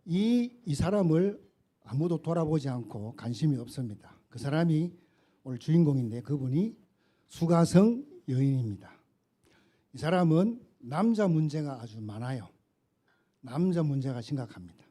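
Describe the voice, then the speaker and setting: Dark-voiced male pastor telling a story. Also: a little high, big pitch swings, normal speed. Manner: storytelling, retelling scripture with acted dialogue. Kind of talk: sermon.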